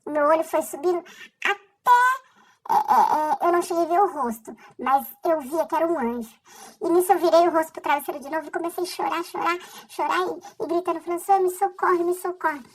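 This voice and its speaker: Woman, high bright voice, emotional faith testimony, stop-and-start delivery. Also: fairly even intonation, poor audio. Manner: earnest and halting, with restarts. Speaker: person sharing a faith testimony. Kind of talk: personal religious testimony.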